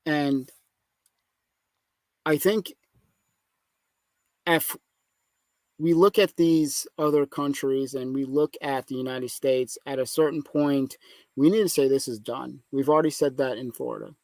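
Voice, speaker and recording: A man's voice: medium pitch, a little slow, pauses often, darkish tone, no room sound. A man hosting a podcast, talking politics in an emphatic, opinionated casual chat. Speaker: podcast host.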